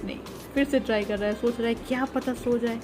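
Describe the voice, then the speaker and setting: A woman's voice: a little high, steady tone, fairly quick, over music. A young woman talking casually to her viewers in a home vlog, chatty, narrating what is going on around her at home. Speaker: vlogger. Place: home balcony at night.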